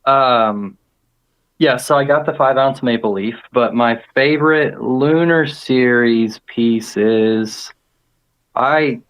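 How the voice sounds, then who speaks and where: Man, livestream co-host, mid-pitched, hesitant and eager, lots of restarts. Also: a bit bright. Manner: hesitant, repeats words, enthusiastic about coins. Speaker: co-host of a precious metals livestream. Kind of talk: casual livestream chat.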